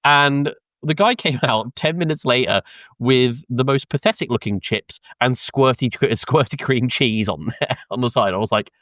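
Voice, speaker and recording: A man's voice: medium pitch, normal speed, a bit bright, no echo. British man, young adult, casual podcast chat, rambling and laughing, dry close mic. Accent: British English. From Britain. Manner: rambling storyteller, swears, laughs mid-sentence, many ums. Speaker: podcast co-host. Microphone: close podcast mic, dry sound.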